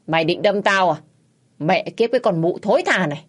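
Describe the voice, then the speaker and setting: A woman voicing a greedy, cruel middle-aged stepfather who shouts and curses with contempt. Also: lowish voice, expressive, a little fast. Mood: furious.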